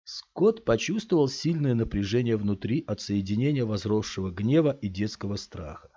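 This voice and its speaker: A man narrating an audiobook in a dramatic, expressive reading. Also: fairly low pitch, normal speed, husky. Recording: dull lo-fi recording.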